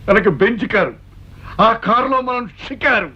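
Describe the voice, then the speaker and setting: A man's voice: very high-pitched, normal speed, pushed and bright, exaggerated voice. An actor playing a scheming middle-aged father who bosses his son around while plotting. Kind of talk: film comedy dialogue. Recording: dull lo-fi film audio with faint hiss.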